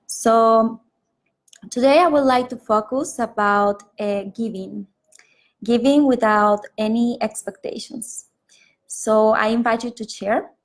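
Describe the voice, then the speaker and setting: A woman from Costa Rica with a Costa Rican Spanish accent, a yoga and meditation teacher giving a calm, gently paced mindfulness talk on a live stream. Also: a little high. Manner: slow, calm, gentle delivery with many pauses.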